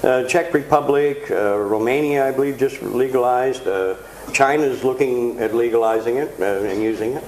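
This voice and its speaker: An older man, a guest talking in a relaxed, chuckling conversational way in a TV studio. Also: medium pitch, normal speed. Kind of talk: TV studio interview. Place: TV studio set. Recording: roomy studio, faint noise.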